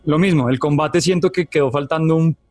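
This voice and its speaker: A man co-hosting a casual video game review chat, talking in a rambling, animated way and laughing as he goes. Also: fairly high pitch, brisk, heavy background noise.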